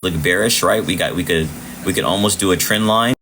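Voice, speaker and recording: Speaking briskly in a low-pitched voice, this trading streamer comments loosely on charts while shouting out his viewers. He's talkative and repetitive, and his voice is wearing thin. There's slight background noise.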